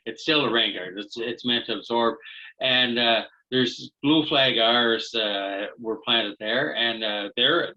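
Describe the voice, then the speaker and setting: A man talks haltingly over a video call, his speech full of fillers and restarts. His voice is very bright and forceful. The audio is dull and lo-fi, as calls tend to be. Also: mid-range voice. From Canada. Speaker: guest speaker. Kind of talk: webinar talk.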